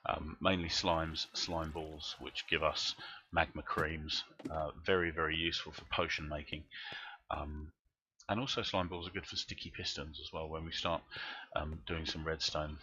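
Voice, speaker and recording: A deep-voiced man rambles through live commentary as he plays, chatting to his viewers while he works. His tone is bright and forceful, and he thinks aloud in loose, wandering sentences. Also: little pitch movement, normal speed, husky. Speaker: game streamer.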